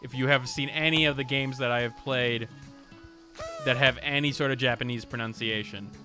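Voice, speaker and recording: Over background music, a man with a mid-range, steady voice talks at normal speed. He's a gaming video host doing loose, unscripted let's play commentary, reading game text aloud, rambling, and cutting himself off as he thinks out loud.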